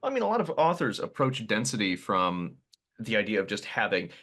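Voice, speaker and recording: A podcast host talking with a friend, his voice low-pitched but bright and forward. He rambles through thoughts and teases his own analogies. The tone is casual and conversational. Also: wildly swooping pitch, fairly quick. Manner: chatty, rambling, self-deprecating.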